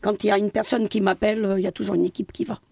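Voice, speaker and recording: Gravelly middle-aged woman from Portugal. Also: medium pitch, steady tone, very fast, darkish tone, dry recording. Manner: hesitant, many fillers and restarts. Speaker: guest, building caretaker. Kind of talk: casual interview answers.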